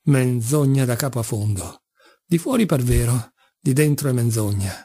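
A man reading an audiobook, voicing a hot-tempered young nobleman who answers his father in indignant, forceful declamation. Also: medium pitch, moderate pace, husky, voice pushed down, lightly acted.

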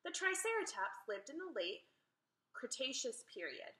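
A woman's voice: high-pitched, very animated, moderate pace, bright, forceful tone, reverberant, full character voice. A woman reading aloud and voicing a cautious, worried young boy in a storybook.

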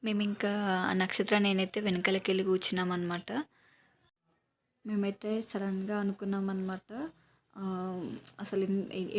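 A woman vlogger and mother chatting through a casual travel vlog, explaining each step as she goes, from inside a moving car. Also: medium pitch. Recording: road and car noise behind.

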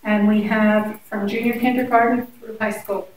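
A woman's voice: medium pitch, little pitch movement, normal speed. A woman in her sixties from Pennsylvania, a school program director and church organist, telling her story in an earnest, devout way. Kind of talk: casual interview. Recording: echoey, from far off, faint noise.

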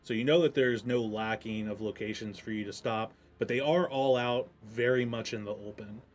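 A man narrating a tabletop game as game master, in a relaxed way with frequent ums. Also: lowish voice, normal speed.

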